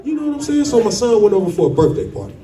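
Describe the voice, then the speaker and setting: A middle-aged man doing a loud, profane stand-up comedy set in a club with a live audience. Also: high-pitched, rapid-fire, noisy background. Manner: loud, profane, animated storytelling. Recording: echoey club, distant mic, crowd laughter.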